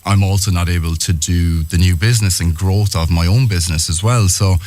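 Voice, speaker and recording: A man giving a personal account as a radio interview guest, speaking earnestly with halting, hesitant phrasing. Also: low voice, a little mellow. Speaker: interviewed guest, small business owner.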